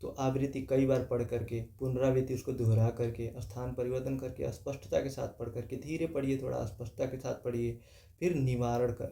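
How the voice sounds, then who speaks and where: Male teacher, exam-prep lecture; patient step-by-step explainer, mellow tone, echoey room. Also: medium pitch, fairly even intonation, a little fast, vocal fry. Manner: explains step by step, repeats key terms, points at the page.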